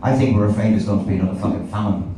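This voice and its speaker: Rapid-fire and fairly low-pitched with little pitch movement, this man from Ireland is a stand-up comedian in his forties with an Irish accent. He delivers a wry, sweary set of stories with acted-out dialogue to a live audience at an indoor comedy venue, captured in an echoey, distant, noisy recording.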